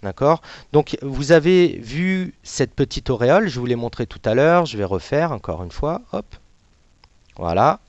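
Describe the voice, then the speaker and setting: A man giving a casual live demonstration of trading software to an audience, hesitant, with many fillers and little sound words. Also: medium pitch, lively intonation, normal speed, dry recording, lo-fi sound. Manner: says he is not an analyst. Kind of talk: live software demo webinar.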